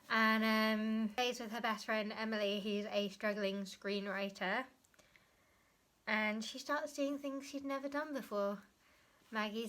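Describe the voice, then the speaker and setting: A woman's voice: fairly high pitch, sharp tone. A young woman vlogger talking casually about a book she has read, chatty and often stopping to search for the right word or correct herself.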